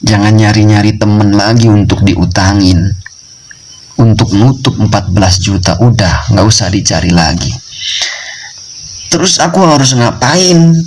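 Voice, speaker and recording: A man tells a religious testimony in a preaching manner, repeating short phrases for emphasis. He speaks to his listeners as friends. His voice is low, and a faint hiss sits behind it. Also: steady tone, moderate pace, a little mellow, rough recording. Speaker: religious storyteller.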